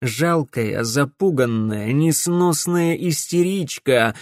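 A venomous witch drips contempt with every word, as a male narrator puts her on. Her voice is pitched up and the sound is close and dry. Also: slow, no echo. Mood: sneering. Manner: sneering, contemptuous. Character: scornful witch of a noble household, cold and venomous.

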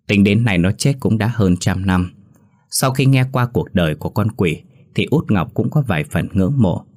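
A man narrating a horror story in a steady, even storytelling manner. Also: low voice.

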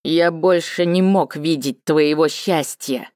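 A woman's voice: takes it slowly, a little mellow, no room sound, studio quality. A woman reading an audiobook voices a bitter, vengeful male cat-folk lord who speaks coldly with hatred. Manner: cold, low and hissing with hatred.

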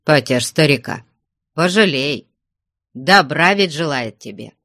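An older villager lectures and coaxes with steady insistence, as a male narrator puts him on. The pace is slow and the sound dry and close. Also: fairly high pitch, no echo, full character voice. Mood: persuading. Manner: urging, admonishing.

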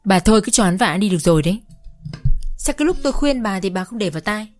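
A tired older village father-in-law who has run out of patience and rebukes his wife with scorn, as a woman narrator puts him on. He sounds gruff and weary. The character comes from a spoken storybook. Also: mid-range voice, expressive, fast, darkish tone, soft background music, close to an everyday voice. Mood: fed-up.

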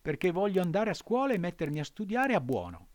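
A man's voice: sits high, big pitch swings, fairly quick, no room sound, voice pushed up. A man voicing a naive, boastful wooden puppet boy in a storybook reading. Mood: eager.

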